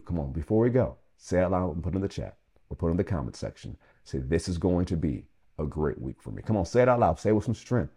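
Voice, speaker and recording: A pastor giving a devotional sermon, speaking with emphasis, slowing down and dropping to a hush on key phrases, and urging listeners to repeat after him. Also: male voice, low-pitched, breathy edge.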